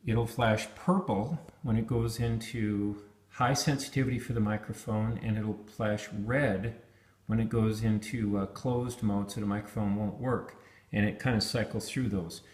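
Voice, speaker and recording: This product reviewer demonstrates helmet intercoms hands-on and unscripted, explaining step by step. He speaks unhurriedly in a lowish, a little mellow voice with fairly even intonation. The recording sounds roomy and echoing.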